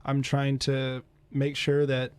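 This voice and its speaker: A man's voice: mid-range voice, completely flat delivery, takes it slowly, a little mellow, clear, resonant tone, no room sound. Earnest young man on radio. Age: young adult. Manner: earnest, ambitious, rambling. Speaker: guest. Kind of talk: casual radio interview. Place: radio studio.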